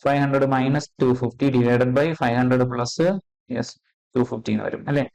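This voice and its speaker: A man's voice: medium pitch, flat delivery, a little slow, gravelly, a little mellow, poor audio. Man, exam-prep physics lecture, repeats key terms, frequent check-ins. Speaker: physics teacher.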